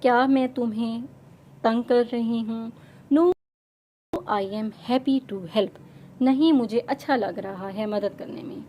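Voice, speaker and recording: A woman gives a grammar lesson. She reads each example sentence slowly and clearly, then gives its translation. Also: a little high, steady tone, highs cut off, a little hiss or hum. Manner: slow, carefully enunciated example sentences. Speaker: English teacher.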